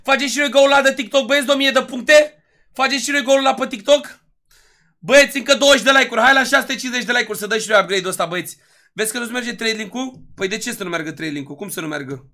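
A young man livestreaming a game, talking loudly to his chat, thanking donors and shouting with excitement at wins. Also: extremely high pitch. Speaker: gaming livestreamer. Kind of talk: hyped livestream commentary.

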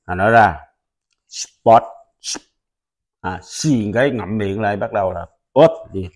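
A man whose first language is Vietnamese, patiently teaching a pronunciation lesson and repeating example words loudly. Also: on the low side, normal speed. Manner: patient, instructive.

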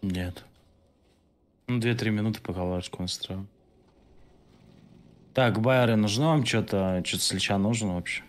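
Male raid leader, lowish voice, short commanding callouts on gamer voice chat. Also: moderate pace, long pauses. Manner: clipped, commanding. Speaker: raid leader in an online game. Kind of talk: terse gaming callouts over voice chat.

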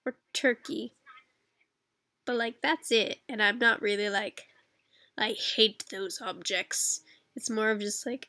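Female, twenties, Canadian accent. Slightly high, gravelly fry, rambling self-mocking casual chat. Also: a bit bright, no echo. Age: 20s. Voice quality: creaky. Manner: rambling, self-deprecating, dry asides. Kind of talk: casual chat answering questionnaire questions. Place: dark bedroom at night, lying on a bed.

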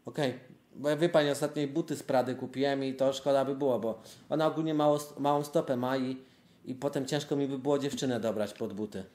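This is a man in his twenties, a live streamer, casually chatting on a phone call from his desk indoors. His mid-range voice is steady, brisk and a little mellow, and the room adds a roomy echo.

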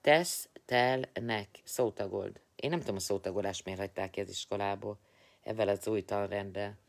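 A man's voice: fairly low pitch, fairly even intonation, creaky, darkish tone. A tired man hosting a casual live stream, chatting, teasing and greeting viewers by name.

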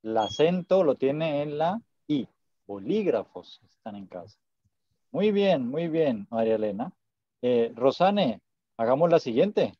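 A man's voice: fairly high pitch, lively intonation, measured pace, no room sound, highs cut off. Patient man teaching a Spanish class. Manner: patient, encouraging, repeats words to drill.

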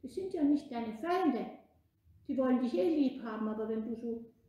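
A woman voicing a kind, patient old bishop in a children's story, coaxing and gentle. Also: fairly high pitch, animated, normal speed, muffled recording, close to an everyday voice. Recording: echoey room.

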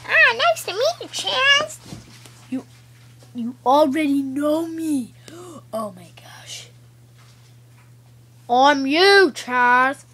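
A child voicing a toy bird who has grown forty years older, speaking loudly and cheerfully in a toy-play story. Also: high-pitched, sing-song, extremely slow, pauses often, a little hiss or hum, exaggerated voice.

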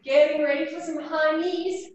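High-pitched woman coaching a workout, very echoey. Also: fairly even intonation, normal speed, a little mellow, dull audio. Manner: urging, motivating gym-coach calls; exerting herself while demonstrating exercises. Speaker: fitness instructor leading a HIIT class. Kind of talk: workout coaching with short called-out commands. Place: indoor home exercise studio with cupboards. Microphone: far camera or laptop on a video call. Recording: distant, very echoey room sound.

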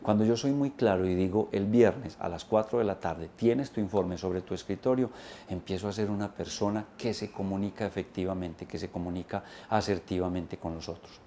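A business coach in his thirties gives an emphatic instructional talk to camera in an indoor studio, wearing a lapel mic. His voice is low, mellow, and moderately paced, with a little hiss or hum. He gestures with both hands as he lists his points.

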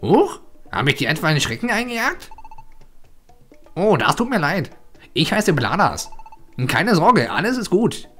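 A man's voice: sits high, big pitch swings, unhurried, long pauses, fairly bright tone, faint music behind, pitched above the performer's own voice, heavily acted. A man voicing a friendly, upbeat male creature who guides the hero through a game dungeon, cheerful and instructive. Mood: eager.

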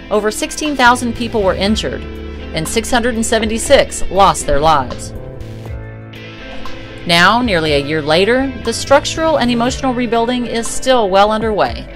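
A woman giving measured, factual scripted narration. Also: medium pitch, lively intonation. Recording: voice-over with guitar music under it. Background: guitar music.

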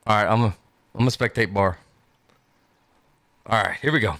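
A man commentating a match between friends, laughing constantly and cheering loudly. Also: lowish voice, moderate pace, dry recording. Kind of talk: excitable live game commentary.

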